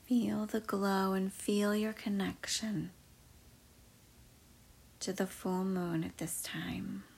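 A woman leads a guided meditation in a hushed, largely whispered voice. Her delivery is unhurried, and her tone carries a husky, gravelly edge. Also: medium pitch, flat delivery. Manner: soft, slow, mostly whispered.

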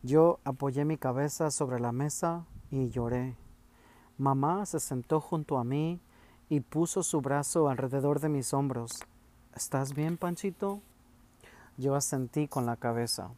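Steady male audiobook narrator. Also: mid-range voice. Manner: measured, steady storytelling. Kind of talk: first-person audiobook reading.

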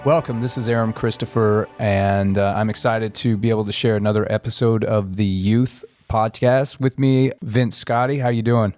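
A man hosting a podcast interview, asking friendly, measured questions. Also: lowish voice, little pitch movement, a little mellow, no room sound, faint music behind. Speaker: podcast host.

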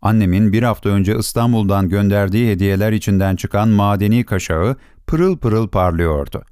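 Low-voiced male audiobook narrator. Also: normal speed, a little mellow, clean tone, no room sound, studio quality. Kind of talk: scripted narration.

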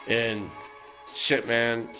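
A man's voice: medium pitch, flat delivery, very slow, pushed and bright, low-quality recording. A man from Canada ranting on a solo podcast, swearing constantly in a heated, rambling way. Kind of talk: casual profane rant. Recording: music playing in the background. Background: music from a record player.

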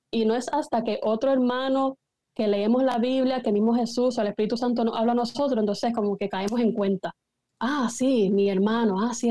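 Woman telling a story all animated, acting out the quotes, mellow kinda high voice, dry sound. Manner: animated storyteller who acts out quoted lines. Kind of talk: casual faith discussion.

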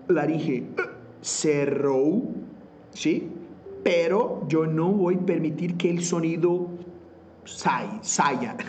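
Man, Brazilian Portuguese accent, native Portuguese speaker, vocal coach, slow deliberate delivery, slightly high voice, hunts for words, demonstrates exercises. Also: darkish tone, slight background noise. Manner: slips in Portuguese words, searches for words. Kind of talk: explanatory interview talk.

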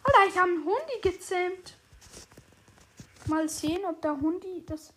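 A woman casually chatting while playing a survival game, excitedly narrating everything she does. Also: very high-pitched, moderate pace, a little hiss or hum. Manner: excitable, narrates her own moves aloud. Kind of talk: casual gameplay chat.

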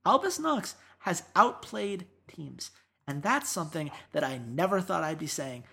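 A woman's voice: lowish voice, lively intonation, measured pace, gravelly, sharp tone. A woman co-hosting an esports podcast, talking through matches in casual analysis with emphatic, exasperated rants.

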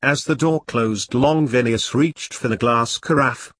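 A man reading a historical novel aloud as a narrator, in a steady storytelling manner. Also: mid-range voice, measured pace, no echo. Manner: steady storytelling read with dialogue. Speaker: audiobook narrator. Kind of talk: scripted narration.

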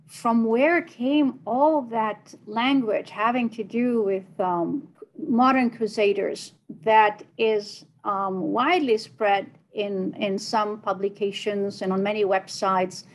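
Raised in Tunisia, a woman who chairs a philosophy department answers interview questions in a measured, thoughtful way, saying "um" often. Her voice is medium-pitched, and the recording is rough.

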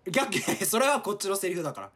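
A man's voice: sits high, wildly swooping pitch, fast talker, a bit bright, slightly rough. A young man co-hosting a podcast in casual comedic banter, teasing his partner playfully and dropping into silly bits. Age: young adult. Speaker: podcast co-host.

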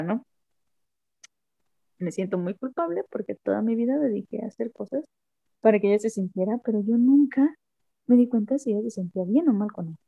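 A woman's voice: mid-range voice, vocal fry, mellow, no echo, highs cut off. A woman with a Mexican accent, a guest telling a personal story in a candid, reflective way and repeating phrases for emphasis. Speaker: interview guest.

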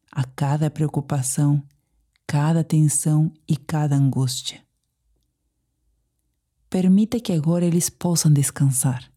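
Soothing and deliberate, a woman with a Brazilian accent leads a guided sleep meditation, leaving pauses between her phrases. Her voice sits low and sounds mellow.

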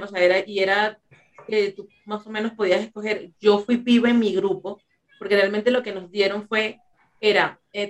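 Laughing young woman telling a work anecdote. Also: medium pitch. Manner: animated anecdote-teller who laughs mid-story. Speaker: podcast co-host. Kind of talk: casual chat.

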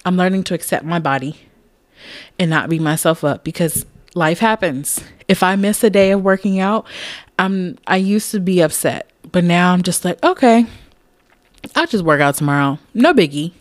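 A woman's voice: fairly low pitch, normal speed, no room sound, studio quality. A woman in her late twenties talking candidly in a casual personal monologue, rambling and laughing often. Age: late 20s. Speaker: podcast host.

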